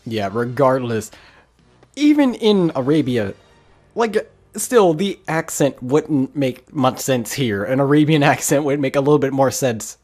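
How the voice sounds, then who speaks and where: Brief: young male let's play host, rambling and casual, mid-pitched. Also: sing-song, unhurried, darkish tone, soft background music. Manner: rambling, chuckling asides. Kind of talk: casual game commentary.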